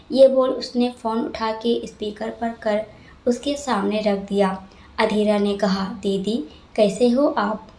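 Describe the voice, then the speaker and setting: Brief: female storyteller, fairly high voice, roomy echo, smooth storybook narration. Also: a little mellow.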